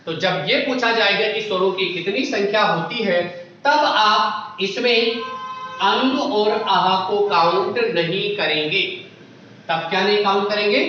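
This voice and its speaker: In an echoey room with dull, lo-fi sound, a man teaches an exam-prep Hindi grammar lecture, explaining step by step and putting questions to the class. His voice sits high and is bright and forceful.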